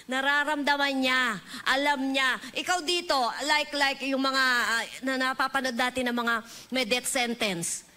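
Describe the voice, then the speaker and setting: A woman preacher with a Filipino accent giving a lively sermon in a church, mixing English and Filipino and leading the congregation in prayer. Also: high voice, measured pace. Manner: animated, leads the congregation in call-and-response prayer. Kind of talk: bilingual sermon. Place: church hall.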